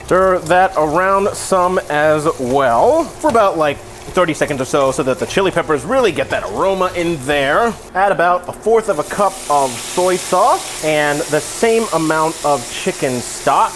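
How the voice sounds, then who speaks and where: Tipsy, animated man with a higher-pitched voice. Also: measured pace. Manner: tipsy, loose and jokey. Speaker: cooking video host. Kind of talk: casual cooking tutorial. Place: home kitchen. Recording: sizzling pan and kitchen noise. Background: frying sizzle.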